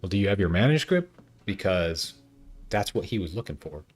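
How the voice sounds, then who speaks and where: A man streaming a video game, giving excitable, chatty commentary to his chat. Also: low-pitched, moderate pace, soft background music. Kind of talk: casual gameplay commentary.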